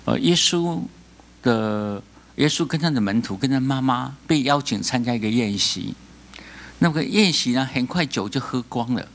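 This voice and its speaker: A man with a Taiwanese Mandarin accent preaching a sermon as pastor, animated, often laughing and prompting the congregation to answer. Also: mid-range voice, moderate pace. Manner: animated, asks the congregation call-and-response questions; laughs often between remarks.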